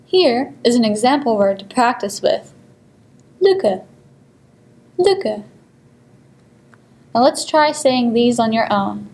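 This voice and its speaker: A woman reading a scripted pronunciation lesson in a clear, measured way. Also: a little high, darkish tone. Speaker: language instructor.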